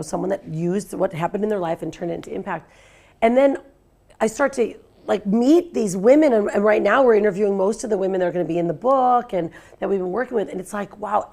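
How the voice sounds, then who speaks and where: A middle-aged woman hosts the interview, warm in her affirmations and eager in her questions. Her voice has a gravelly, fry-laden edge at a medium pitch. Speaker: host. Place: studio set with armchair.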